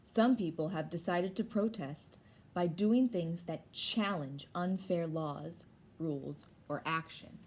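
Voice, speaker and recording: A teacher reads a picture book aloud to a class of young children, pausing for simple explanatory asides along the way. Her voice is on the low side and darkish, and she reads at a slow pace. There's noise in the background.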